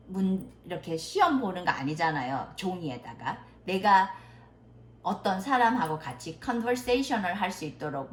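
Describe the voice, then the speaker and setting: A middle-aged woman, a native Korean speaker, giving a casual English conversation lesson and stretching out her English examples slowly. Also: fairly low pitch, fairly bright tone. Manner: slow, drawn-out English demonstrations. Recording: echoey room, faint noise.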